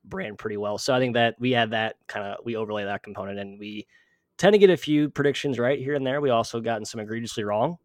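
A man's voice: mid-range voice, quick pace, no echo, clean studio sound. A man with a nasal voice, a guest on a casual podcast, rambling and self-deprecating with many fillers. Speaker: podcast guest, sports writer.

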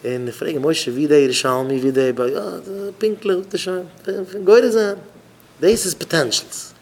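A man's voice: on the high side, normal speed. A man, a rabbi, giving an informal talk at a Shabbat gathering, repeating phrases and questioning listeners by name. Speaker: rabbi addressing students.

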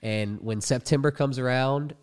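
A congested young man speaks at an ordinary, middle pitch in casual podcast chat. He rambles and hesitates, filling gaps with ums and restarts. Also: normal speed, darkish tone, clear, resonant tone. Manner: hesitant, rambling with many fillers. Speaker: podcast host and YouTuber.

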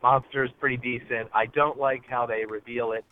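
A man's voice: mid-range voice, level tone, no echo. Man calling in over a car speakerphone. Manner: hesitant, many filler pauses. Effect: car speakerphone call over Bluetooth. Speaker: caller. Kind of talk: casual call-in message. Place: inside a car. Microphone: Bluetooth car speakerphone. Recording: tinny phone line from a car.

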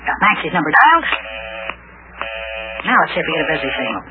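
An actor playing an eager, excitable little boy with a small childlike voice in an old-time radio serial. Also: mid-range voice, quick pace. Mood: eager, puzzled. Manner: eager, chattering, repeats words. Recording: noisy, tinny old radio recording.

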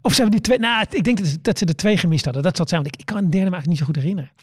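A middle-aged stand-up comedian tells stories in casual chat, his high-sitting voice husky and very fast. He stammers, restarts, repeats words, and acts out his own quoted lines, recorded in clean studio quality with no room sound.

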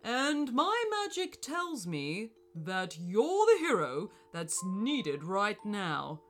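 A woman voicing a kindly old male wizard stuck in a car, speaking in a loud, grand, reassuring way. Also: medium pitch, big pitch swings, slow pace, soft background music, heavily acted.

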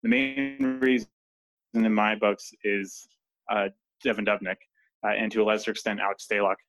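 Man, podcast guest, lowish voice, dry sound, rambling with lots of "like" and "uh". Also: expressive, moderate pace, vocal fry, a bit bright, no room sound, low-quality recording. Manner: loose, filler-heavy, many restarts. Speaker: podcast guest, hockey analyst. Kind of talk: casual podcast chat.

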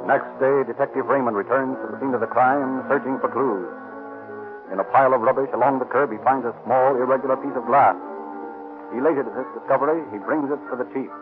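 A male announcer narrating a 1930s police drama, urgent and dramatic. He moves quickly through the lines over clear background music. The sound is a thin, tinny old radio broadcast. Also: medium pitch.

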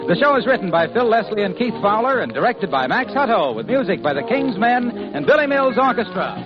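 A man's voice: high voice, big pitch swings, fairly quick, loud music behind the voice. A man announcing in a chipper, polished 1950s radio advertising style, with upbeat salesmanship. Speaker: radio show announcer and sponsor pitchman. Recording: dull, lo-fi vintage radio recording.

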